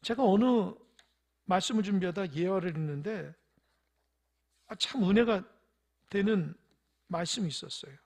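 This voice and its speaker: A pastor preaching a sermon in church, shifting between loud, emphatic stresses and soft near-whispers, and asking the congregation questions. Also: mid-range voice, normal speed, long pauses. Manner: tells parables, asks the congregation questions.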